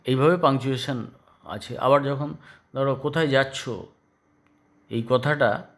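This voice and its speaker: A man with a Bengali accent teaches an English grammar lesson in a measured, unhurried way. He pauses often, repeats key words and checks that his pupils follow along. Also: medium pitch, a bit bright. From West Bengal, India.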